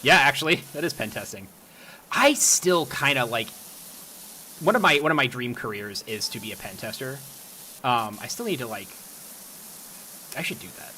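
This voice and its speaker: A young man on a live stream, talking casually and spinning wry anecdotes full of ums. His voice is bright and forward, with a faint hiss of noise underneath. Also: medium pitch, animated, normal speed, long pauses, rough recording. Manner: wry storytelling with frequent ums.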